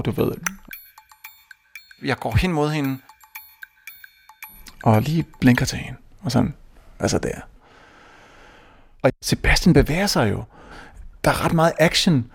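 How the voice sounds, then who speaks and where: Gravelly young Danish man telling a story. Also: medium pitch. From Denmark. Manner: animated, stammering restarts, self-mocking. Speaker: stand-up comedian. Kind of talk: stand-up storytelling.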